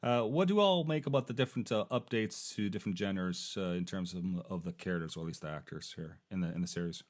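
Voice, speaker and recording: A man's voice: low voice, fast. A man hosting a podcast in casual chat, stuttering and restarting his sentences often. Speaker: podcast host.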